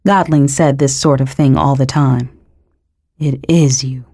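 A woman reading an audiobook, voicing a wary male godling who speaks low and carefully. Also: fairly even intonation, unhurried, dark tone, no echo, clean studio sound. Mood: tense wary. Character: tense, wary male godling, grave and guarded.

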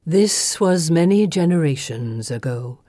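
An ancient, snake-haired female creature speaks in a low, dark voice, slow and grave as she recalls the past, put on by a woman reading a storybook aloud. The sound is close and dry. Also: expressive, no echo. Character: ancient sorrowful female serpent-haired creature, the last of her kind.

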